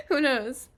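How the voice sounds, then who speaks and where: In a very high voice, a woman in her early twenties chats with her stream while applying makeup, wandering from thought to thought with many filler words. She's a livestreamer.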